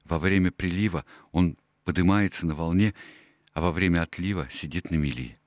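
A man narrating a classic adventure novel in the first person, in a measured, even storytelling manner. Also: deep voice, no room sound, studio quality. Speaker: audiobook narrator.

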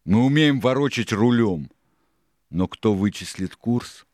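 A man voicing an eager, boastful young sailor in an audiobook, speaking loudly and high. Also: animated, measured pace, no echo, clean studio sound. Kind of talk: audiobook character reading.

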